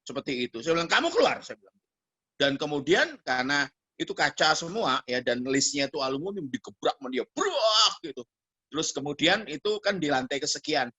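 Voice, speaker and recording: A man's voice: on the high side, brisk, husky, highs cut off. A male pastor preaching a sermon and telling a story, acting out the voices of the people in it. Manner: animated, acts out voices of people in his stories.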